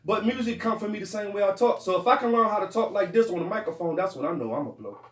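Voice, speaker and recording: High-voiced man, loose and profane. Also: fast, far from the mic. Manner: profane, animated, laughs a lot, many restarts. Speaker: rapper and podcast guest. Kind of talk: casual podcast chat. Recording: roomy, off-mic, faint noise.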